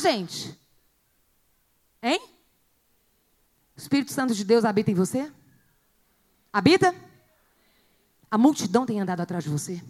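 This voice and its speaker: A woman pastor from Brazil, preaching a sermon in a church with rising fervor, rhetorical questions and bursts of shouting. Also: fairly high pitch.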